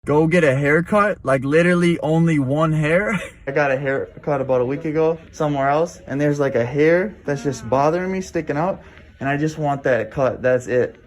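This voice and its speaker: Chatty man with a slightly high voice. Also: moderate pace. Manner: easygoing, chatty, filler-heavy. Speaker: customer at a barber. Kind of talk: casual chat.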